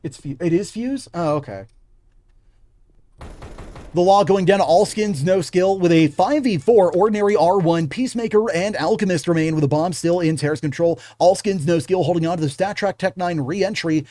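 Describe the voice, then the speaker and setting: A man's voice: sits high, moderate pace, dark tone, dry recording. A young man calling a live video game match play by play, breaking off to chat with viewers. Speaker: game commentator and streamer.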